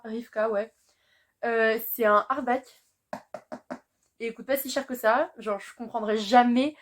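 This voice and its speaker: A teenage girl chatting casually to camera about books she bought, with lots of fillers and little laughs. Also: a little high. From France. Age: teens. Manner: chatty, many fillers, laughs between phrases. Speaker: booktuber. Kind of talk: casual chat.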